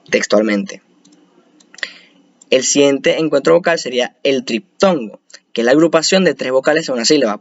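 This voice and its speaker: Hombre explicando con pausas y titubeos. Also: male voice, mid-range voice, no room sound, muffled recording. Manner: explanatory, frequent restarts and hesitations. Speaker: teacher presenting a lesson. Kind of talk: spoken lesson on spelling rules.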